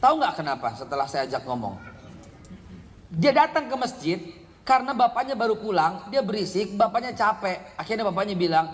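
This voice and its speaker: An animated middle-aged man delivers a parenting sermon, his voice sitting high for a man. He drops into quiet asides, then bursts into loud scolding. The sound carries a long echo, as in a large hall. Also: brisk. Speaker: preacher. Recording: echoey hall reverb.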